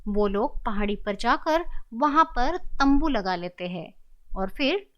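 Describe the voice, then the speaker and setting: A woman narrating a scripted horror story in a slow, measured reading. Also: on the high side, expressive, muffled recording.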